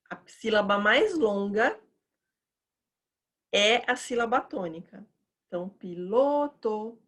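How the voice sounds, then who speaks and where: A woman's voice: mid-range voice, fairly bright tone. A woman with a chatty, opinionated manner, teaching teachers in an educational video and stretching words out as she demonstrates them. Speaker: teacher trainer.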